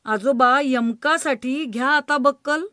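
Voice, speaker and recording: A woman's voice: sits high, measured pace, a bit bright, no room sound, studio quality. A woman voicing a cheeky little granddaughter who teases her grandfather with pert, piping questions. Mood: scolding.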